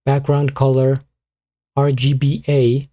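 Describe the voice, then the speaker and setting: Slow, mellow-voiced man muttering through a stream setup. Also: medium pitch, monotone. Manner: muttering to himself while setting up stream software. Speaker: beatbox streamer. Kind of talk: casual live-stream chat.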